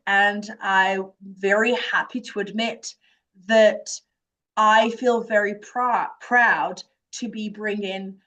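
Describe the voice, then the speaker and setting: In a low-quality recording, a Frenchwoman from the Jura speaks at medium pitch with a French accent. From her office, she earnestly presents a children's language summer camp to parents.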